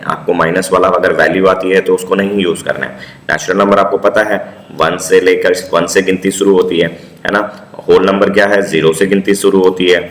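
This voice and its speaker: A man with an Indian English accent teaches maths, coaxing his students along and checking often that they follow. His voice sits very low. The recording has a noticeable room echo. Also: a bit bright. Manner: coaxing, repeats tag questions to students. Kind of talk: classroom maths lesson. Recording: echoey room.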